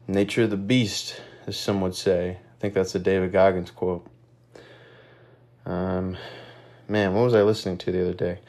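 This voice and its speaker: Lowish-voiced young man with stuffy nose. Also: darkish tone. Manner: rambling and reflective, with many fillers and casual swearing. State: slightly out of breath. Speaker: podcast host. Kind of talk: casual solo podcast monologue.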